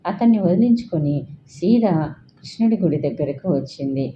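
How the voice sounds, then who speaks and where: A woman's voice: fairly low pitch, lively intonation, moderate pace, warm tone. A woman narrating an audiobook in scripted narration, telling the story steadily and voicing every figure. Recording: dull, faintly hissy recording.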